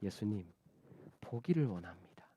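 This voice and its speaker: A man voicing a desperate blind male beggar in a Bible story, crying out with pleading, straining shouts. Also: on the low side, big pitch swings, moderate pace, slightly rough, no echo, lo-fi sound, voice pushed down. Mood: hushed pleading.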